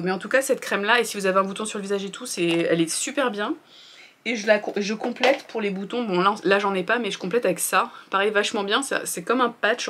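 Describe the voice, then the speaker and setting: A beauty vlogger in her 30s chats casually through her skincare routine, candid and rambling with lots of fillers. Her voice is medium-pitched and a bit bright.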